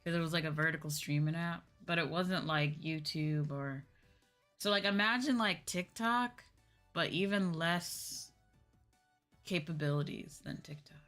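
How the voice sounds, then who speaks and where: A young adult woman hosting a VTuber livestream replies to chat casually, in a hesitant, musing manner, with background music underneath. She speaks at a measured pace in a low, slightly bright voice that sounds a little sore and tired from a full day of talking.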